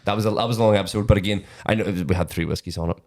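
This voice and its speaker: A young man with a very deep, low voice. He co-hosts a relaxed podcast and keeps the banter light, laughing easily between stories. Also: racing. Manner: joking, laughs often in banter. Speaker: podcast co-host. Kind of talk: casual chat.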